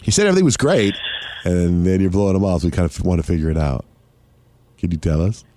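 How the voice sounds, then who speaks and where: Male morning radio host, low and animated, quick retelling of a caller's story. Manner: lively, storytelling delivery.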